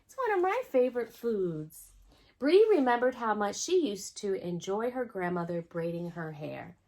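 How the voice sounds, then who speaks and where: A storytime host with a slightly mellow, medium-pitched voice reads a picture book in a sing-song style at normal speed. She performs it expressively and talks directly to the young audience in between.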